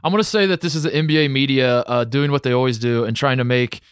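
A man's voice: medium pitch, quick pace, clear, resonant tone, dry recording, studio quality. A man co-hosting a podcast, blunt and skeptical, swearing casually as he talks. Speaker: podcast co-host.

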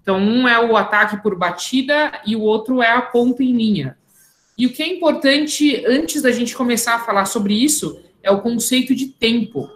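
A woman's voice: fairly high pitch, moderate pace. Brazilian woman coaching fencing, echoey room. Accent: Brazilian Portuguese. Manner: clear, patient explaining, then calling out drill commands. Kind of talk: online fencing class. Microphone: camera mic, moving away at times.

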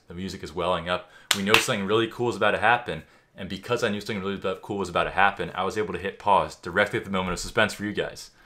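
A man's voice: low voice, bright, forceful tone. A man giving a mock magic tutorial commentary in an offhand, boastful, know-it-all way. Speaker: YouTuber.

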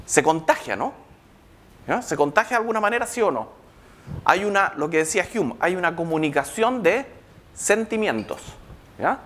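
A man's voice: sits high, sing-song, moderate pace, long pauses, fairly bright tone. A man giving a live public lecture, checking in with the audience through constant rhetorical questions.

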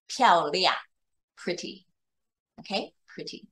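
A woman's voice: on the low side, slow, a bit bright. A woman teaching English to a young student one on one, explaining patiently and checking often that the student follows. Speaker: English tutor. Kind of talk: bilingual tutoring lesson.

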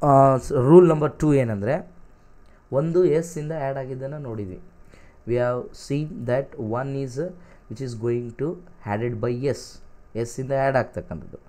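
A man's voice: mid-range voice, warm tone. A man with a Kannada accent teaching an exam-prep English class, reading out singular and plural word pairs and checking that his students follow.

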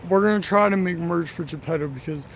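A man's voice: fairly high pitch, fast talker, slight background noise. Breathless young man rambling outdoors. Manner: rambling, repeats "of course" constantly. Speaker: vlogger. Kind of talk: casual vlog chat.

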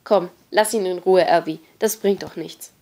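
A woman reading an audiobook, voicing a friendly teenage boy who calms things down in an easygoing way. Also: fairly low pitch, normal speed. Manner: easygoing, soothing.

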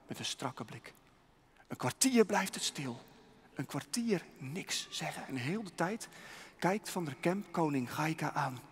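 A man's voice: medium pitch, husky. A man freely telling a mission story to children, dramatic and suspenseful, with many rhetorical questions, heard with a long hall reverb.

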